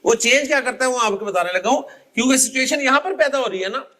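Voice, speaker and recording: A man's voice: extremely high pitch, fast, sharp tone. A man teaching an Arabic grammar class, explaining patiently and calling on students by name to recite word endings. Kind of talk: classroom lecture.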